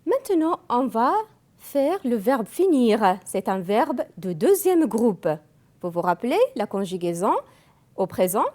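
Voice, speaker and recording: A woman whose first language is Arabic, teaching French grammar slowly, spelling out verb endings and repeating each form. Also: on the high side, sing-song, darkish tone. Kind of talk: classroom grammar lesson.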